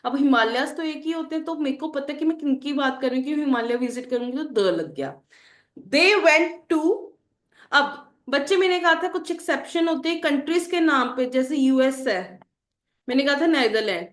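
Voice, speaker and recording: A woman's voice: high-pitched, animated, normal speed. A woman teacher explaining English grammar to students, asking the class questions and answering them herself. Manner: addresses students as children. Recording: roomy echo.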